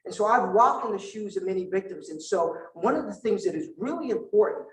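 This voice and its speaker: Speaking at a candidates' forum, a middle-aged man from Vietnam, a native Vietnamese speaker, delivers an expressive campaign speech in a strikingly high voice. He hammers out rhetorical lists with deliberate pauses, recorded from afar in an echoing hall.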